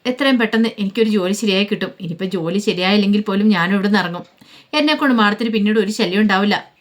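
A subdued young woman, hurt but steady, speaks softly in a told family story, as a woman storyteller puts her on. She stays low and calm, even when pushed. The voice is close to the storyteller's own. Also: fast, natural voice. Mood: resigned. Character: young woman daughter, quiet, hurt, resigned.

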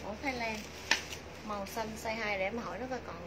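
A middle-aged woman with a southern Vietnamese accent giving a chatty, repetitive live sales pitch to viewers from a small clothing shop. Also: quick pace, a bit bright. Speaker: clothing shop livestream seller. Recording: noisy shop livestream, clear background noise.

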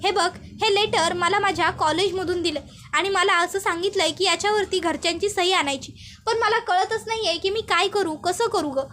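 Anxious young man, read by a woman, pleading, apologetic, very high-pitched. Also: moderate pace, fairly bright tone. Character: remorseful anxious young man, college student.

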